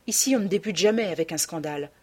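Woman doing a husky urbane aristocrat guy in an audiobook, suave and persuasive. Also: lowish voice, quick pace. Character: worldly, urbane aristocratic gentleman, man. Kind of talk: audiobook character reading.

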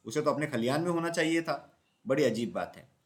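A jittery, bossy crow from a children's storybook, as a male narrator puts him on. He shouts and scolds in a raised, pushed voice. He sounds agitated and self-important. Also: a little high, animated, brisk, natural voice. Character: fussy, bossy male crow, nervous and loud.

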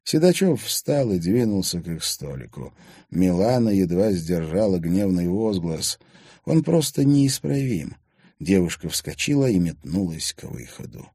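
Low, mellow male audiobook narrator. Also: expressive, moderate pace, breathy edge, dry recording, studio quality.

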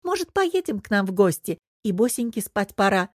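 A woman's voice: sing-song, moderate pace, no room sound, studio quality. Woman doing a gushing, fussy old aunt. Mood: fussing. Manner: cooing, gushing, high and loud. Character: chatty older aunt, fussy and doting.

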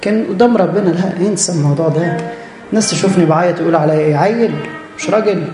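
A man's voice: on the high side, racing, roomy sound, music in the background. A man with an Egyptian Arabic accent preaching a church sermon, earnest and direct, repeating phrases for emphasis.

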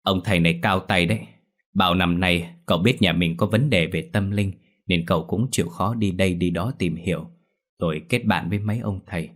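A man voicing a worried middle-aged uncle in an audio ghost story, speaking in a hurried, anxious way. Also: sits low, a bit bright. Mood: reassuring.

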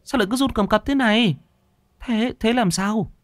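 A man doing a shrill, fussing village wife. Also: no room sound, studio quality, close to an everyday voice. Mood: alarmed. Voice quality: high, quick and fussing. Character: frightened middle-aged village wife, shrill and nagging.

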